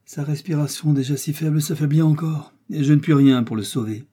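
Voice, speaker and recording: A man voicing a learned male doctor and explorer who speaks in a solemn, measured way. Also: medium pitch, dark tone, breathy edge, close to an everyday voice. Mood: sorrowful.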